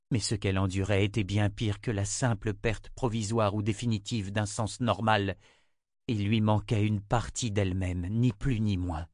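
A man narrating a dark fantasy audiobook in steady, measured storytelling. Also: on the low side, no room sound, studio quality. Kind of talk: scripted narration.

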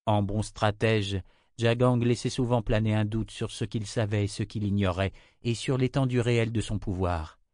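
Low-voiced man reading an audiobook. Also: steady tone, normal speed, darkish tone, dry recording, studio quality. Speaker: narrator. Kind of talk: audiobook narration.

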